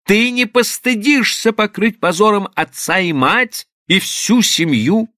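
A man's voice: medium pitch, big pitch swings, moderate pace, pushed and bright, no room sound, clean studio sound. A man doing a stern old father. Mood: outraged. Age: older. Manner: mocking then thundering. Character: stern older Irish-American father, sarcastic, furious.

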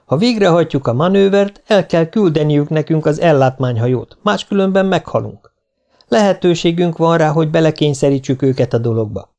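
A man voicing a female mission commander, firm and deliberate. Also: fairly high pitch, darkish tone, voice pushed up, natural voice. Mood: resolute.

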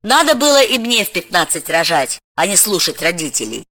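A woman's voice: fairly low pitch, big pitch swings, a little fast, bright, forceful tone, exaggerated voice. A woman reading an audiobook, voicing a brash young woman from Moscow who talks bluntly and familiarly.

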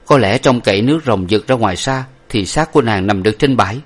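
A man voicing a dignified, grief-stricken young gentleman in a storybook, with a measured manner. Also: fairly low pitch, natural voice. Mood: weary.

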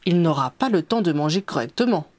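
A woman's voice: lowish voice, lively intonation, a little mellow. A woman doing a firm older grandmother. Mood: stern. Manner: stern, measured.

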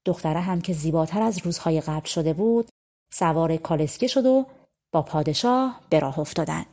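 Woman, audiobook reader, calm colloquial storytelling, mellow warm tone. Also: deep voice. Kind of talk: storybook narration.

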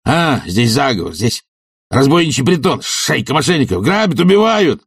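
A male reader voicing a coarse, blustering middle-aged sponger who shouts insults and self-pitying rants in a husky voice. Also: medium pitch, expressive, a little fast, no room sound, clean studio sound, voice pushed up. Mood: outraged.

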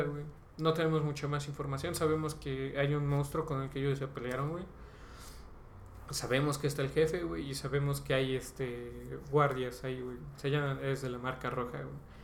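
Slangy Mexican man with gravelly voice. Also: on the high side, a little hiss or hum. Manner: slangy, filler-heavy, ends phrases with "güey"; rambling, animated retelling with bursts of laughter. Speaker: podcast host. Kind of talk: casual storytelling of a tabletop game session. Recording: roomy echo, faint background ambience.

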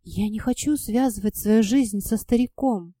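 A woman's voice: fairly high pitch, unhurried, dark tone, dry recording, clean studio sound, natural voice. A woman voicing a frightened, tearful young noblewoman who speaks in a thin, trembling voice. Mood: weary.

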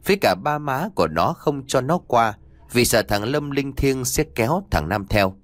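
A man's voice: medium pitch, lively intonation, moderate pace, no room sound. A man narrating a sad ghost story as an audiobook, reading dramatically.

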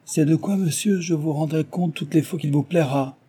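A man voicing a proud young gentleman who answers insults with cold, defiant politeness. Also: on the low side, moderate pace, lightly acted.

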